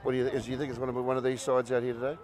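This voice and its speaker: A man's voice: medium pitch, flat delivery, very fast, a crowd in the background. Male stream host, hesitant delivery, plenty of ums and uhs. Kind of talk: casual interview.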